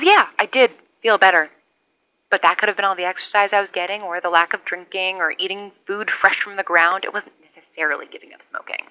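An actress playing a lone, wry survivor rambling into a CB radio years after the collapse. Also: female voice, fairly low pitch. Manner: rambling, wry, conversational monologue. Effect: over a CB radio. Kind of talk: audio drama radio log. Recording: muffled lo-fi radio sound.

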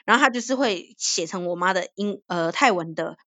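A woman's voice: fairly low pitch, expressive, brisk, pushed and bright, no echo. A young woman from Thailand, a native Thai speaker, co-hosting a casual chat and explaining things at length with frequent laughs. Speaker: podcast co-host.

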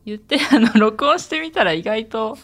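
A woman from Kagoshima in casual chat, talking in a relaxed, unhurried way. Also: fairly high pitch. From Kagoshima, Japan.

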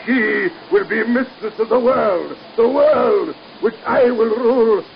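A raving mad scientist in an old radio play, high and gravelly, gloating and theatrical. The voice is heavily fried and rough. It comes through a dull, hissy 1930s broadcast recording. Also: male voice, unhurried, full character voice. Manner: gloating, theatrical, rising to shrieks. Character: megalomaniac mad scientist breeding giant spiders. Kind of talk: 1930s radio drama acting.

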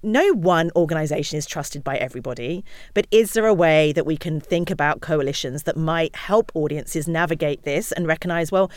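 A woman answers interview questions at a rapid clip and keeps the stories moving. She acts out what other people said as she goes. Her voice is close and dry, with no room sound. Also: low-pitched, dry recording. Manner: fast, animated storytelling with acted-out quotes. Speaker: guest. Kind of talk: conversational interview.

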